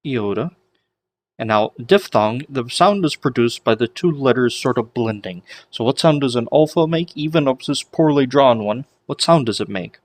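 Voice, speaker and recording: A man teaching a recorded lesson, drawing out vowel sounds slowly with self-deprecating asides. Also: mid-range voice. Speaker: Greek teacher.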